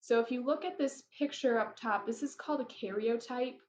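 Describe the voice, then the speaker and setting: A woman teacher talking casually through lecture slides, with chatty, apologetic asides and a somewhat flat, robotic-sounding delivery. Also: on the high side, a little fast. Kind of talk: recorded lecture over slides. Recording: roomy, dull lo-fi mic.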